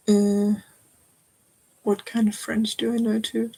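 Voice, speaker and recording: A woman's voice: fairly high pitch, gravelly, warm tone, breathy edge, low-quality recording. A young woman in her twenties with a German accent, chatting casually and giggling as she hosts a live crafting stream from home. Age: 20s. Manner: chatty, giggly, answers chat comments. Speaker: crafting livestream host.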